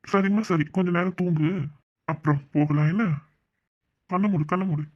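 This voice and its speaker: A man voicing a young man in love in a cartoon, gentle and coaxing. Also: high-pitched, normal speed. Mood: teasing. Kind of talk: cartoon voice acting. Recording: dull lo-fi recording.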